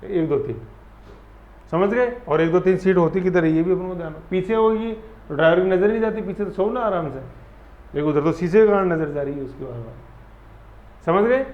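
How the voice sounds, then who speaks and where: A man teaching an exam-prep class, lively and full of memory tricks, often checking that students follow. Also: high-pitched, brisk, long pauses. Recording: roomy, dull lo-fi classroom sound.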